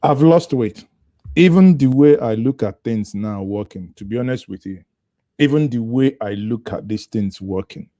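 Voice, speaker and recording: A man hosting online commentary, reacting to a clip with sarcastic, mocking asides. His voice is dark and mellow, and the recording is close and dry with no room sound. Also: mid-range voice, normal speed, no echo.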